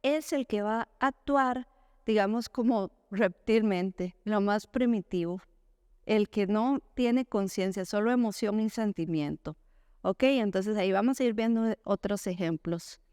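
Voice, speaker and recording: A woman giving an educational talk to parents. She explains step by step, asks the audience questions and answers them herself, and acts out quoted parents and children in a higher voice. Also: measured pace, a little mellow, clear, resonant tone, dry recording, clean studio sound. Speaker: school talk speaker for parents.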